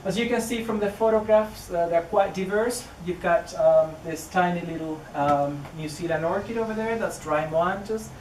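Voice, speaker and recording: A man's voice: high voice, moderate pace, few pauses, darkish tone. A man in his thirties with a Chilean Spanish accent, a native Spanish speaker, giving a public talk as an orchid researcher, hesitant with many fillers and restarts. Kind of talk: public lecture. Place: indoor venue near a greenhouse. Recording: distant roomy recording with noise.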